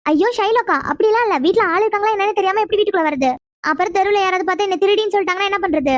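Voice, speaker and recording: A woman's voice: extremely high pitch, very fast, dry recording, lo-fi sound. A woman voicing a cheerful, eager young village girl in a cartoon, chatty and sweet. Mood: pleading. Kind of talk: cartoon voice acting.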